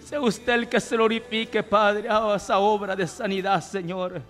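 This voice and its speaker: A man leads a passionate Pentecostal healing prayer, pleading and exclamatory, with praise cried out again and again. His high, slightly bright voice holds a level tone at a moderate pace, accompanied by background music.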